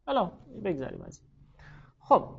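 A man's voice: sits high, huge pitch swings, creaky, breathy edge. A man teaching a grammar class, explaining patiently, repeating key points and putting questions to his students. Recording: dull lo-fi recording.

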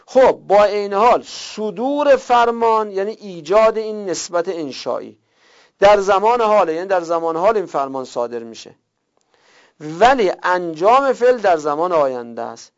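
A man teaching a grammar lesson in a slow, deliberate way, checking his students with rhetorical questions. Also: on the high side. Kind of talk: classroom grammar lecture. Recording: dull lo-fi recording.

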